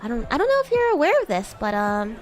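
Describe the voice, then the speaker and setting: On the high side, her pitch swoops wildly as she talks quickly, with faint music in the background. She's a VTuber streaming an improvised in-character chat as a playful, bratty demon schoolgirl, teasing and giggling at her listener, whom she calls human.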